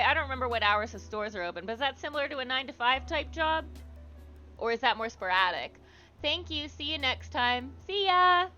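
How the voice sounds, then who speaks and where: In dull-sounding audio, a woman with a fairly high, sharp voice hosts a livestream. She casually chats with viewers, reads their comments out loud, and keeps an encouraging, supportive manner.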